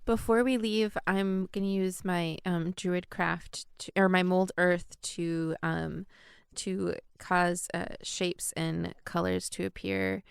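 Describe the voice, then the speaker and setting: A woman's voice: lowish voice, fairly even intonation, slow, creaky, smooth, dry recording, studio quality. A woman playing a tabletop game who speaks hesitantly with many fillers. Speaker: player.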